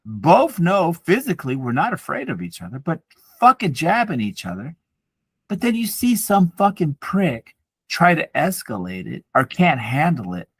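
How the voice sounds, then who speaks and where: Fairly high-pitched and slightly rough, this man's voice comes through with no echo. He's a podcast co-host in his forties, chatting casually while he rants, swears heavily, and spins lively stories.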